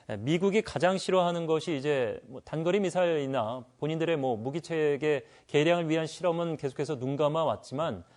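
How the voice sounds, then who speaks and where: A man hosting a political panel discussion, speaking in a measured way with hesitant fillers. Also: fairly high pitch, a little mellow. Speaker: talk show host.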